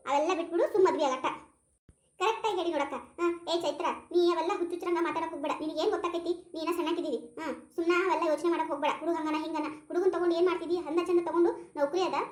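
A pushy middle-aged aunt in a cartoon, coaxing and lecturing in a North Karnataka Kannada accent, as a woman puts her on. Her voice is high and brisk. The room is echoey. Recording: roomy echo.

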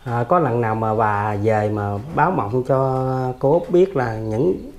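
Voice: mid-range voice, animated, measured pace, darkish tone. An interviewer with a Southern Vietnamese accent, asking short prompting questions in a casual interview. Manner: brief prompting questions and backchannels.

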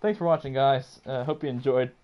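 On his own gaming channel, a man gives casual let's play commentary over a playthrough, muttering to himself before yelling and cursing in frustration. His voice is medium-pitched and fairly quick, and the audio sounds dull.

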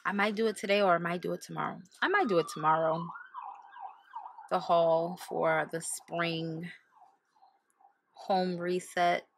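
Sitting in a car's passenger seat, this thirty-something vlogger talks casually to a camera held at arm's length, frequently correcting herself. Her gravelly voice sits on the low side with fairly even intonation, moves a little slowly and leaves long pauses. A faint hiss or hum runs underneath.

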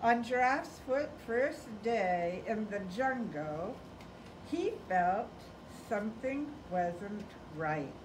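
A woman's voice: mid-range voice, expressive, slow. A woman children's librarian leading a storytime, singing a greeting song and reading a picture book aloud in a cheerful, sing-song way to the children. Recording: distant mic with background noise.

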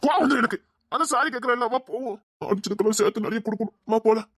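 A woman doing a husky, possessive young husband. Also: on the high side, rapid-fire, dry recording, clean studio sound. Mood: pleading. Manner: pleading, insistent, swings between coaxing and threats. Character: possessive lovesick young husband, pleading and stubborn. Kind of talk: amateur audio drama.

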